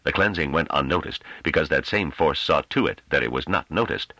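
A man reading an audiobook, voicing a male councillor who argues in a grave, measured and sardonic way. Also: rumbling low, animated, bright, forceful tone, dry recording, highs cut off, full character voice. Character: calm sardonic male councillor defending himself.

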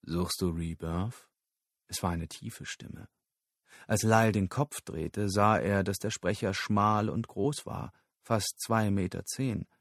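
A man narrating an audiobook in a steady, measured storytelling voice. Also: on the low side, creaky, no room sound, clean studio sound.

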